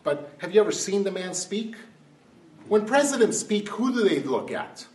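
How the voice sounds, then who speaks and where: A man's voice: sits high, very animated, moderate pace, a little mellow, slight background noise. A man giving an impassioned political talk to a live audience, firing rhetorical questions and climbing to emphatic peaks. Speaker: speaker addressing an audience. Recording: roomy hall, far-off mic, faint ambience.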